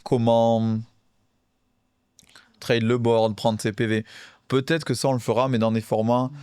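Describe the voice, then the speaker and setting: A man's voice: medium pitch, level tone, a little slow, a little mellow, clean tone, no echo, clean studio sound. A man co-hosting a podcast about a card game, talking casually and hesitantly, with many fillers and restarts.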